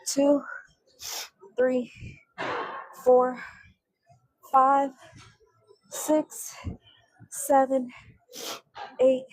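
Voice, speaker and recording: A woman's voice: high voice, no room sound, poor audio. Breathless woman counting gym reps. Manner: strained, breathy counting between effort grunts. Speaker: fitness vlogger. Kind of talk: counting reps during a workout.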